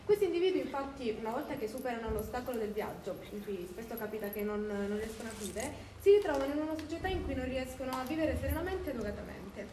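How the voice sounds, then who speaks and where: A young woman, a student, reading a prepared answer in an earnest, measured way. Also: fairly high pitch, animated. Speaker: student interviewee. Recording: roomy with background noise and distant mic.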